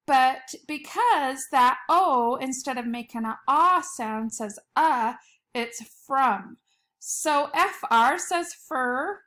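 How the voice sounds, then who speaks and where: Slow, patient woman teacher. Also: high-pitched, fairly bright tone. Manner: slow, patient, sounding out letters. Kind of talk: recorded home spelling lesson. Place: home at night.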